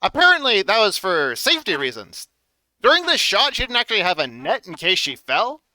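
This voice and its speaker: A man streaming casual reaction commentary in an animated, exclamatory and emphatic way. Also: sits high, normal speed, no echo.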